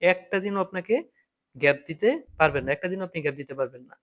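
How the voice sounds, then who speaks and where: Higher-pitched man teaching German spellings. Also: quick pace, a bit bright. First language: Bengali. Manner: explains patiently, repeats letters and words, checks with "ঠিক আছে?". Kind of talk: online language lesson.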